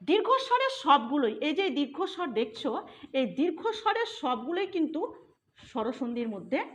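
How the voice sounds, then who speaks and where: A woman's voice: high voice, a bit bright. A woman teaching a grammar lesson for an exam, explaining step by step and asking and answering her own questions.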